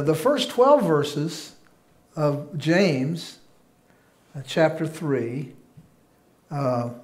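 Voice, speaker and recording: A male pastor giving an informal sermon, joking easily with his congregation. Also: a little high. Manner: relaxed, joking banter with congregation. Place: church sanctuary. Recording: echoey church room.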